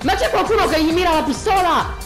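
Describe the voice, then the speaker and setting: Excitable, joking gameplay commentator. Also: extremely high pitch, quick pace, over music. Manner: joking, excitable, repeats phrases. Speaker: gaming video host.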